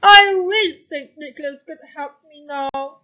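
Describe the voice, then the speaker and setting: Woman as a proud, high-voiced male storybook baker. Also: measured pace, bright, forceful tone, muffled recording. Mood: plaintive. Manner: emphatic, indignant. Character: proud, no-nonsense male baker, aggrieved shopkeeper.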